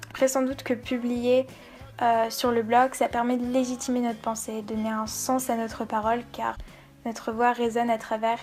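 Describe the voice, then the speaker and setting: A woman's voice: a little high, completely flat delivery, normal speed, a little mellow, soft background music. A woman explaining her thoughts on writing in an articulate, literary, carefully phrased way. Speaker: blog writer.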